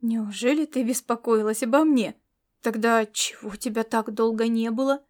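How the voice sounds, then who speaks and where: A woman reads a stubborn Earthman hero in a storybook. His lines come slower and a bit lower than her narration, gruff and weighty. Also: steady tone, a little mellow, natural voice. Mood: tender.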